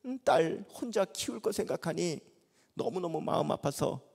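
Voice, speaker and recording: Animated middle-aged pastor storytelling. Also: male voice, a little high, moderate pace, vocal fry, husky. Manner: dramatic storytelling, acting out dialogue. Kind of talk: sermon at a revival meeting. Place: church sanctuary. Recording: long reverb in a large church hall.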